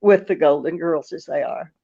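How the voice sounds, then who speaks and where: A woman's voice: low-pitched, normal speed, mellow, highs cut off. A woman with a Brooklyn accent, reminiscing casually and earnestly as an interview guest.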